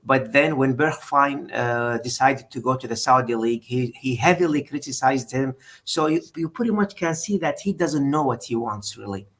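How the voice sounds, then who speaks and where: A man's voice: mid-range voice, moderate pace, hardly any pauses, a bit bright. A man co-hosting a football podcast, speaking hesitantly with frequent restarts and "uh"s. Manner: hesitant, repeats words, many "uh"s. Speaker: podcast co-host. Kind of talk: casual football discussion.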